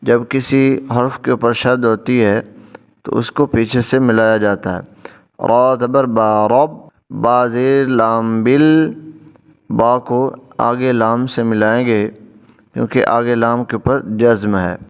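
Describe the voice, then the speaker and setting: A man teaching a Quran recitation lesson, spelling out letters one by one and reciting words slowly with drawn-out melody. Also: mid-range voice, steady tone, clean tone.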